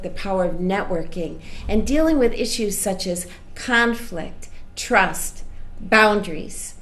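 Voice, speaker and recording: A woman hosts a talk show with upbeat enthusiasm, her voice sitting at an ordinary middle pitch. A faint hiss runs under the recording.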